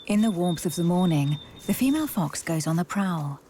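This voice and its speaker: Mellow woman narrating a wildlife documentary. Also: lowish voice, lively intonation, moderate pace, slight background noise.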